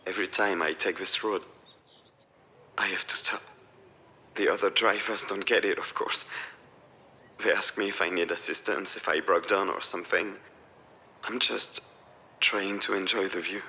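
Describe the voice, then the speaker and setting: A man's voice: low voice, fairly even intonation, normal speed, pauses often, sharp tone, slight background noise, heavily acted. An actor playing a troubled middle-aged father in a voiced visual novel, talking in a strained, confessional way. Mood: wistful. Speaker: game character.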